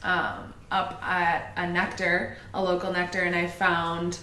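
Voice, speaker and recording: A woman personal trainer talking casually as a guest, with hesitant pauses and frequent fillers. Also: fairly low pitch, level tone, sharp tone, a little hiss or hum. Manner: hesitant, many ums. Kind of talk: casual chat. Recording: roomy echo, distant mic, faint ambience.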